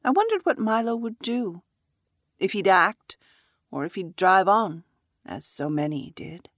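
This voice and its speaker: A woman narrating a first-person story in a measured, reflective way. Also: medium pitch, lively intonation, a bit bright, no echo, clean studio sound.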